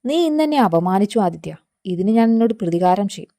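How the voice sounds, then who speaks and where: A grasping, scheming middle-aged uncle, voiced by a woman storyteller who wheedles for money and sulks when refused. The voice sits high but soft and mellow, in a read-aloud storybook. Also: animated, fairly quick. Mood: resentful.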